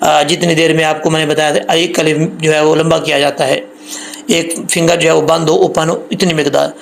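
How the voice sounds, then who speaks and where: Guy teaching quran tajweed, kinda gravelly, faint hiss behind. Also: a little high, level tone, moderate pace. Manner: patient, repeats points, drawls recited syllables. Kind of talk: tajweed lesson with slow recited examples.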